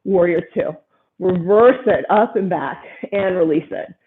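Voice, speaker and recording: This yoga teacher has a lowish voice and runs her class with a continuous flow of quick, encouraging body cues covering alignment and breathing. Her sound is thin and tinny, much like phone audio.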